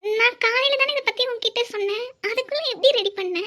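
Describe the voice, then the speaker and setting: A very high, light voice of a young woman about to be engaged, voiced by a woman. She speaks softly and tenderly in this cartoon love story, her words thick with tears. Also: steady tone, brisk. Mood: surprised. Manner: tearful, soft-spoken. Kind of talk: cartoon voice acting.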